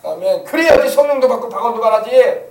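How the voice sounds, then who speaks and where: A man's voice: very high voice, animated, fast talker, darkish tone. A middle-aged male pastor preaching a sermon in a folksy, joking way, often mimicking grumbling church elders. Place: church sanctuary. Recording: echoey church room, mic at a distance.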